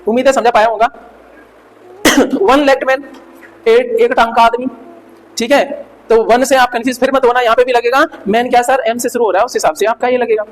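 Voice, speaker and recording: A man's voice: extremely high pitch, steady tone, a little fast, pauses often. A male English teacher giving a revision lecture, asking the class questions and answering them himself, repeating key words and spelling out letters. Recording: reverberant room with faint noise.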